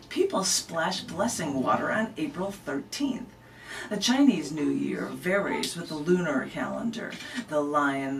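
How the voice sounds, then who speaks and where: A Midwestern American woman, a poet appearing as an interview guest at a radio station studio, tells stories emphatically and conversationally like a live spoken-word performer. Her low voice is picked up far off by a camera microphone, giving a rough recording with slight background noise.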